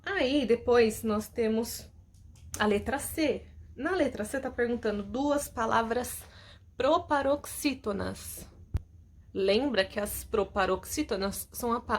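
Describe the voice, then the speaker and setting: A woman teacher recording a lesson at home, patiently going over homework answers and often checking with her students. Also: a little high. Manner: explains patiently, keeps asking "tá?".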